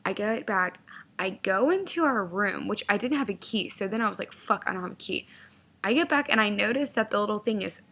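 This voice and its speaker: A woman's voice: medium pitch, animated, brisk, a bit bright. Chatty young woman, filler-heavy storytelling. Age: 20s. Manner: chatty, lots of "like" fillers, swears freely. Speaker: vlogger. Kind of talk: casual storytelling to camera.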